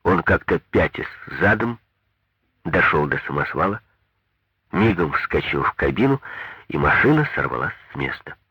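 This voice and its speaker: Husky, low-voiced male narrator. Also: very animated, moderate pace, long pauses, no echo. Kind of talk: audiobook reading. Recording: dull lo-fi dry recording.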